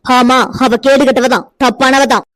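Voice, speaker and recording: A woman voicing a harsh, scornful older widowed mother-in-law in a cartoon, loud and insulting. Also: high-pitched, fast talker, a little hiss or hum, close to an everyday voice, low-quality recording. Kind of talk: cartoon voice acting.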